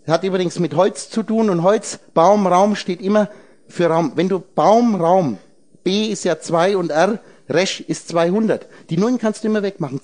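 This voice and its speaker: Guy with a pretty high voice rambling through an esoteric talk, breaking words into letters and numbers, asking the crowd questions. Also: a little mellow. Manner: talks directly to listeners with questions. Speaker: speaker addressing a group. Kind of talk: esoteric lecture.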